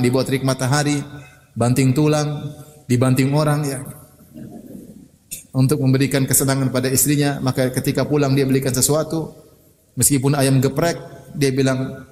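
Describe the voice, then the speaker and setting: A man preaching a sermon in a lively way, throwing questions at his listeners and reciting Arabic. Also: medium pitch. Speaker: Islamic preacher. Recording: echoey hall with long reverb.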